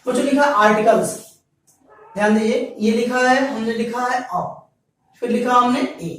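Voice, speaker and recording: A male English teacher giving a grammar lecture to students, repeating each point and addressing them directly. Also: high-pitched. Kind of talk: Hindi-language grammar lecture. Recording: very echoey room, far from the mic.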